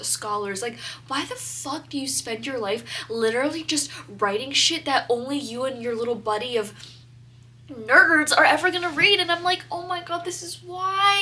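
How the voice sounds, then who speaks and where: High-voiced young woman vlogging candidly. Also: bright, forceful tone, far from the mic, a little hiss or hum. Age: young adult. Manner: candid, swearing, emotional swings. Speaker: vlogger, college student. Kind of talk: casual confessional vlog.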